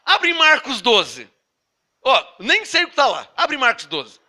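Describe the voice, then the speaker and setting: A man preaching a sermon as pastor, leading his congregation through Bible verses, asking them to repeat after him and drawing out key words slowly between quick asides. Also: very high-pitched, huge pitch swings, bright, forceful tone. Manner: teaching, asks congregation to repeat and read along; slow emphatic stress on key words, then quick asides.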